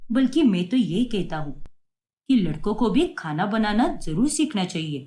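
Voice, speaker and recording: Woman playing a chill big brother in a cartoon, explaining things gently, deeper voice. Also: big pitch swings, moderate pace, close to an everyday voice. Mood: reassuring. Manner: reassuring, explaining. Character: kind young adult brother, reasonable.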